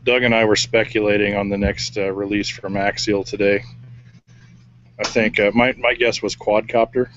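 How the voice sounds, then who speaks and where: A man's voice: on the low side, flat delivery, normal speed, a bit bright, muffled recording, slight background noise. A man co-hosting a casual podcast chat, joking and laughing between his lines.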